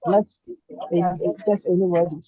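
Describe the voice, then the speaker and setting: A woman's voice: on the low side, fairly even intonation, a little slow. A woman in her twenties from Ghana, a contestant answering plainly over a video call. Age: 20s. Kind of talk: introducing herself. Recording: dull call audio with crowd behind.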